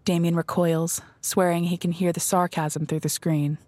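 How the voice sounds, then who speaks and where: A woman narrating an audio drama in a measured, descriptive storytelling manner. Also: on the low side, flat delivery, darkish tone, dry recording. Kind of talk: scripted narration.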